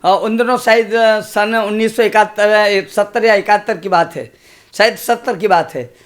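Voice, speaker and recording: A man in his sixties, a comic poet reciting humorous verse on stage in a slow, sing-song way with chatty asides to the audience. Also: high-pitched, fairly even intonation. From India. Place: stage at a poetry gathering.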